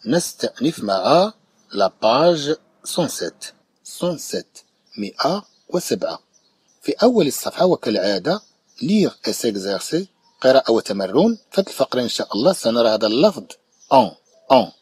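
A man with a Moroccan Arabic accent teaching a recorded primary-school French lesson, explaining slowly and repeating each sound and word several times. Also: medium pitch, big pitch swings, a little mellow, husky, no echo.

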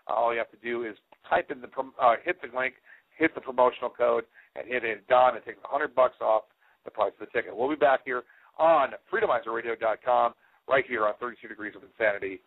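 A man in his forties hosts a radio show over a headset mic, rambling casually through announcements and hesitating often. His medium-pitched voice is fast with a breathy edge, and the sound is phone-like, band-limited internet radio.

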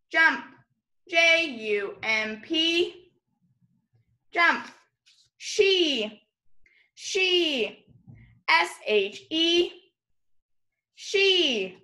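A young adult woman who teaches elementary school gives an early-grade video lesson from a room in a home, using call and response. Her high voice is animated and encouraging as she spells out and carefully enunciates words for the small children to repeat.

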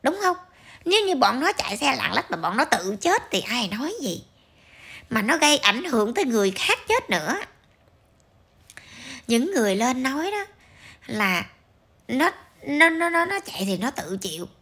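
A woman's voice: sits high, sing-song, moderate pace, pauses often, bright, forceful tone, husky. A woman ranting to her viewers in a scolding, emphatic way, full of rhetorical questions. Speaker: vlogger commentator.

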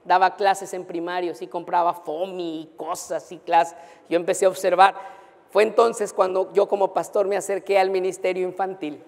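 A male pastor telling a personal story in a lively, anecdotal preaching style. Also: sits high, moderate pace. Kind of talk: storytelling sermon. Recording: long hall reverb.

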